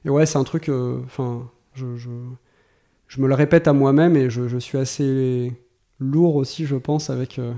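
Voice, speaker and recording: A man's voice: mid-range voice, fairly even intonation, normal speed, warm tone. A man in his thirties, a guest in a podcast interview, thinking aloud with many hesitations and restarts. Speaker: guest, tech executive. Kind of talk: casual interview talk.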